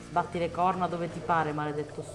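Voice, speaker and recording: A woman's voice: sits low, flat delivery, brisk. A woman commenting live on her gameplay, talking to the game and bursting out in frustration and swearing. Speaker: gameplay streamer. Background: game music.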